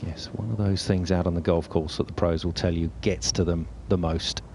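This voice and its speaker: A man's voice: low-pitched, fairly even intonation, normal speed, vocal fry, darkish tone, slight background noise. A man working as a golf commentator, describing tournament play as it happens.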